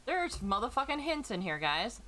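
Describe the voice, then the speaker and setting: An American woman giving casual, expressive gameplay commentary, jokey and prone to swearing. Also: on the high side, moderate pace. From United States. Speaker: streamer playing a horror game.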